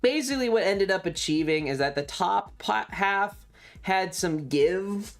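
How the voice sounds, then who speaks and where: A male streamer with a high-sitting voice and lively intonation tells a rambling story on his livestream, a little slowly. He curses in exasperation and acts out bits of dialogue, while soft music plays in the background.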